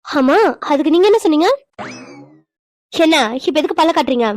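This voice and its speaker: A woman voicing a quick-tempered young wife in a cartoon, scolding and demanding answers. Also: sits high, animated, a little mellow, no echo. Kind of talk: cartoon voice acting.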